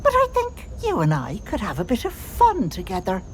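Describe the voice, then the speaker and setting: A woman's voice: mid-range voice, wildly swooping pitch, moderate pace, slight background noise. A woman voicing a bossy, sly old auntie hag in a video game, folksy and cajoling, with menace under the sweetness. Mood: amused, sly.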